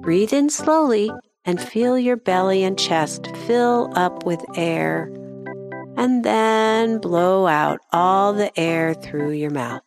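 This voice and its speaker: A woman gently guiding children through a mindfulness exercise in soft, slow instructions. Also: mid-range voice. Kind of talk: guided meditation. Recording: voice over clear music. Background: background music.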